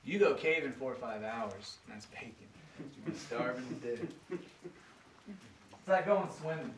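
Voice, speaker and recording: A man's voice: medium pitch, expressive, a little slow. A man working as a cave tour guide, explaining things to his group in an informal, folksy way and addressing them directly. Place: inside a large cave. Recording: echoey cave, distant mic, faint noise.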